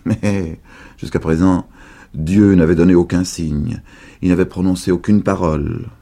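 A man reading a story aloud for radio in a measured, dramatic way. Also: low-pitched, fairly even intonation, creaky, mellow. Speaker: narrator.

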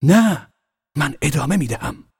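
A man voicing a stubborn young baron who answers firmly and calmly in an audiobook. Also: fairly high pitch, creaky, slightly rough, no echo, studio quality, voice pushed up, full character voice. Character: stubborn young male baron living in trees.

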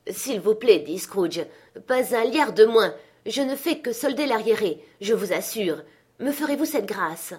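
A woman's voice: mid-range voice, lively intonation, measured pace, slightly rough. A woman voicing Scrooge, a joyful old man, reading his lines with cheerful eagerness in a storybook reading.

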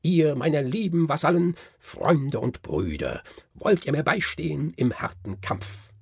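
A man voicing a brave little wooden nutcracker prince who shouts commanding battle cries. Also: medium pitch, big pitch swings, slow, breathy edge, no echo, clean studio sound, heavily acted. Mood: fierce.

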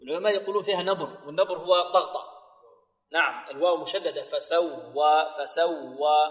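A man teaching tajweed, who slows into long drawn-out recitation of verses and answers his own questions to students. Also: high voice, fairly bright tone. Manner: asks students questions and answers them himself. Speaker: Quran recitation teacher and presenter. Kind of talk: tajweed lesson with recited examples. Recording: long reverb, voice distant from the mic.

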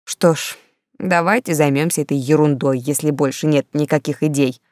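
Woman doing a cranky ghost nobleman, grumbly, lowish voice, dry sound. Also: steady tone, normal speed, a little mellow, no echo, lightly acted. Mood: grumbling. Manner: grumbling, irritable. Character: grumpy ghostly marquis, irritable nobleman.

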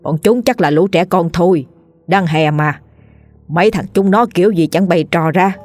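A woman's voice: on the low side, moderate pace, darkish tone, soft background music, close to an everyday voice. A woman voicing a stubborn old village man who brushes off fear with mocking talk. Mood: scoffing.

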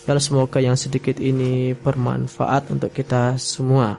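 A man's voice: medium pitch, monotone, normal speed, creaky, a little mellow, a little hiss or hum. A man teaching Quran recitation informally on the radio, with humble, tentative phrasing.

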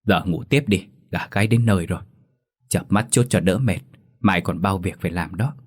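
A man voicing an older village husband who calmly soothes his frightened wife in a matter-of-fact tone. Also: low voice, moderate pace. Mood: reassuring. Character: older village husband, gruff but calming.

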